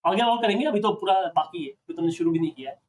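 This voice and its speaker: A male accounting teacher lecturing a classroom, often pausing to ask students questions to check they follow. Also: high voice, expressive, recorded from a distance.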